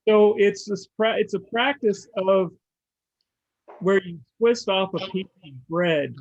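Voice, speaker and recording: A man on a video call in a casual group discussion, speaking haltingly with many restarts as he thinks aloud. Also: high-pitched. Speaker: study group member. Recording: muffled video call audio.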